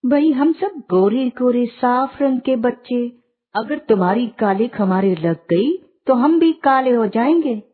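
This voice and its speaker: A woman's voice: on the high side, expressive, unhurried, slightly rough, pitched above the performer's own voice. A woman voicing a group of smug schoolchildren who mock another child, in a taunting, childish sing-song, as part of a storybook reading. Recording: tinny phone-like audio.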